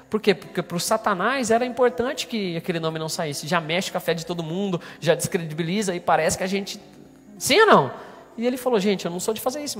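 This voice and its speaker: A man with a Brazilian Portuguese accent preaching a sermon, telling a story with animation and acting out the voices of the people in it. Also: high-pitched. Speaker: pastor. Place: church hall during a service. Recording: reverberant church hall with music.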